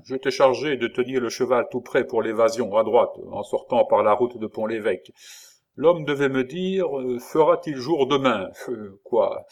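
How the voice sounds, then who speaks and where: A man voicing a swaggering convict innkeeper who talks like a salty old sailor, loud and boastful. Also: mid-range voice, normal speed, lightly acted. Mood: gruff boasting.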